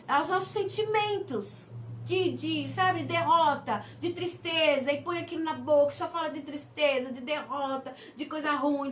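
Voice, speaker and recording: A woman pastor preaches a sermon, slowing down on key words and asking the congregation for amens. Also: very high voice, a bit bright. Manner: preaching with slow emphatic stresses and calls of amen. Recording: mic somewhat distant, faint background noise.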